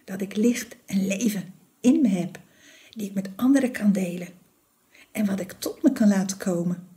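A woman giving a morning devotional in a soft, gentle voice that often drops to a half-whisper. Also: mid-range voice, normal speed. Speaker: devotional speaker.

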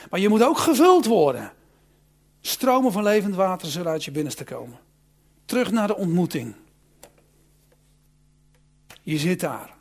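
A man preaching a sermon, rising to loud emphatic calls. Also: high voice, husky. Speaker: pastor.

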